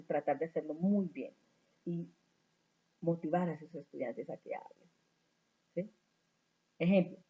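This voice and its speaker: A man teaching a university class on how to teach English, animated and checking in with "¿sí?" often. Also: on the high side. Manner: animated, asks "¿sí?" often, repeats points. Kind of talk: university didactics lecture. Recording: tinny phone-like recording.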